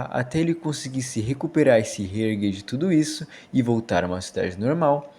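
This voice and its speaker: Background music runs beneath this Brazilian-accented male narrator as he tells the story of a horror series in video essay form. He speaks at a medium pitch with a slightly mellow quality.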